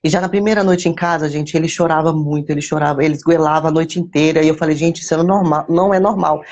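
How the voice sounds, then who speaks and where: A woman with a gravelly, creaky edge tells a personal faith testimony in casual storytelling fashion. She circles back over words and phrases to stress them. Now and then she greets her live viewers by name. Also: low voice, steady tone, quick pace, darkish tone, dull audio. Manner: repeats words and phrases for emphasis.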